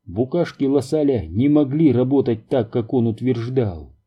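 A man narrating an audiobook in a steady, measured reading. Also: mid-range voice, breathy edge, muffled recording. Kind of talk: scripted narration.

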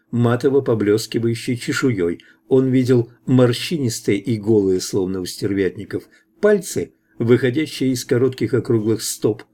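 A man narrating an audiobook in a steady storytelling manner. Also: mid-range voice. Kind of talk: audiobook narration of science fiction.

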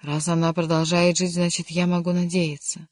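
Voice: mid-range voice, completely flat delivery, normal speed, dry recording, studio quality, close to an everyday voice. A reader voicing a lovesick, despairing young count in an audiobook, speaking in an impassioned, pleading way. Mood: resolute. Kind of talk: audiobook reading.

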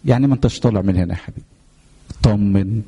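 A man's voice: lowish voice, rapid-fire, mellow, breathy edge, in a large hall. A man with an Egyptian accent voicing a male prison jailer who teases the prisoner in a reassuring tone. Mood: teasing. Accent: Egyptian Arabic. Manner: teasing, reassuring, calls him dear. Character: teasing male prison jailer, gruff but easygoing.

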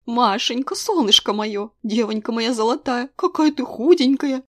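A woman's voice: fairly high pitch, expressive, moderate pace, voice pushed up. A woman voicing an overbearing, theatrical grandmother who laments and lectures while reading a story aloud. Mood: doting, lamenting.

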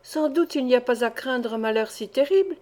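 A woman's voice: high voice, lively intonation, brisk, darkish tone. A woman reading as an earnest orphan boy. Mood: pleading.

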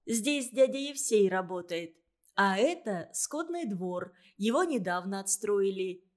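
A lively, restless village girl, proud and eager as she shows off the farm, voiced by a woman reading a storybook. Her voice stays near a middle pitch and sounds bright and quick. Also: natural voice.

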